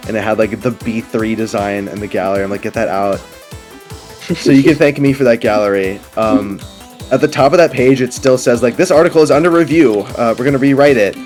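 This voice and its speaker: A young gaming host rambles through easygoing, chatty commentary alongside friends while game music plays underneath. His voice is lowish and a little mellow.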